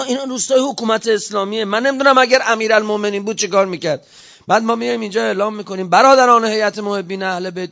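A man preaching an impassioned sermon to a religious gathering, fervent and at times rising to shouts. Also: sits high, vocal fry, lo-fi sound.

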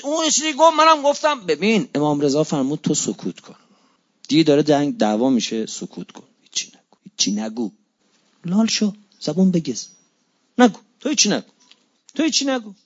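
A man preaching a sermon with passion, dropping to low murmurs and rising to high exclamations, repeating phrases for emphasis and reciting Arabic sayings slowly. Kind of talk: religious sermon. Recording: dull lo-fi recording.

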